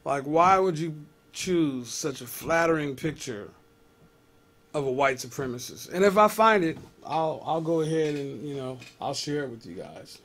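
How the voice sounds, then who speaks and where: A man's voice: a little high, animated, normal speed, a bit bright. A comedian hosting a live web show, riffing on news stories and talking straight to his viewers in a casual, exasperated way.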